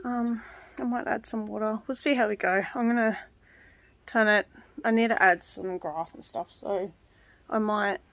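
Filming outdoors on a handheld phone held close, a young woman rambles casually through a gardening vlog in her backyard, using lots of ums and sometimes whispering up close. Her voice is medium-pitched, with no room sound.

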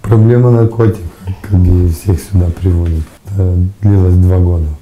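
In a studio with a plain dark backdrop, a hoarse young adult patient records an interview testimonial on a lapel mic, his voice deep and dark, his tone steady. Having lost his voice, he speaks quietly and haltingly, frequently slipping into a whisper, and the low-quality recording carries a little hiss or hum.

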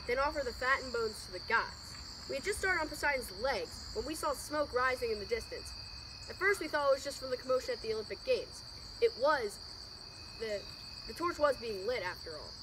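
A woman's voice: on the high side, natural voice. A teenage girl acting as a nervous, defensive ancient Greek youth giving testimony in a school project drama. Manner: defensive, indignant. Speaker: student actor. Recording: noisy outdoor recording with crickets.

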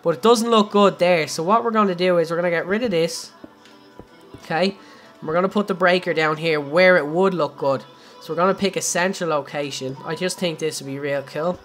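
A man's voice: a little high, brisk, fairly bright tone. A young Irish man casually walking viewers through a building tutorial on a game live stream, chatty, laughing often and speaking straight to his audience. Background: faint background music.

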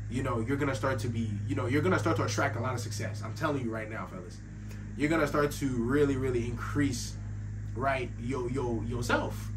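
A young man with a slightly sick voice giving an earnest, emphatic motivational talk, calling his listeners bro and fellas. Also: medium pitch. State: voice a little sick. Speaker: faith-based self-improvement YouTuber. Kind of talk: casual motivational talk to camera. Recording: slightly distant mic with faint ambient noise.

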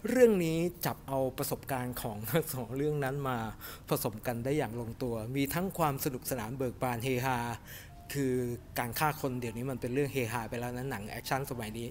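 A man's voice: medium pitch, fairly quick, faint music behind. Chatty middle-aged man reviewing a film. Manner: chatty and animated, refers to himself by nickname, many fillers. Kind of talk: casual movie review to camera. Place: cinema lobby in front of a movie poster, indoors.

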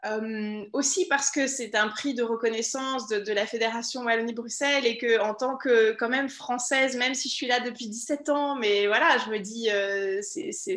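A woman's voice: on the high side, fairly bright tone. A French woman in her thirties, a concert pianist, speaking thoughtfully in a remote interview, with many hesitations and restarts. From France. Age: 30s. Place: room at home with bookshelves. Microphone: video call. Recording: echoey room over music.

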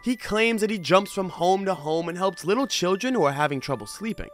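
Slight background noise sits behind a man whose voice runs high, animated, somewhat quick and a little bright. He hosts a horror video review channel, reading scripted commentary in a loose storytelling way with offhand asides.

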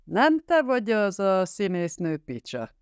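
A raging drunk husband, slurring and snarling as he bullies a room at gunpoint, put on by a male audiobook reader. The voice pushes up high and loud with wild swings. It is close and dry with no room sound. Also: huge pitch swings, clean tone, dry recording, full character voice. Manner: snarling, yelling, slurring threats. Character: drunk violent jealous husband with a gun.

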